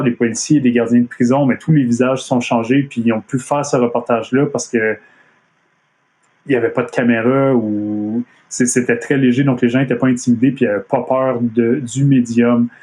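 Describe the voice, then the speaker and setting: A man's voice: mid-range voice, a little mellow. A man with a Montreal French accent giving a casual talk from home over a live stream, hesitant with many fillers and restarts. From Quebec. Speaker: comic artist giving a talk. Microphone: computer mic on a video stream.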